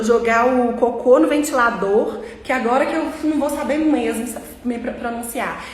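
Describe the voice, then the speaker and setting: A woman with a Bahian Brazilian accent teaches English in a relaxed, joking way and says sounds over and over to model them. Her voice sits a little high. The room is echoey, with a long reverb trailing each phrase. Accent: Bahian Brazilian Portuguese. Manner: chatty, informal and jokey, repeats sounds to model pronunciation. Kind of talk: casual online English lesson.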